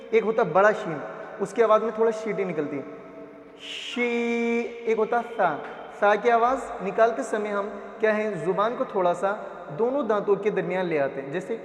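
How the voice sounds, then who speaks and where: A man teaching a patient reading lesson, stretching out letter sounds to demonstrate them and often checking that students follow. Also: sits high. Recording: echoey room with long reverb.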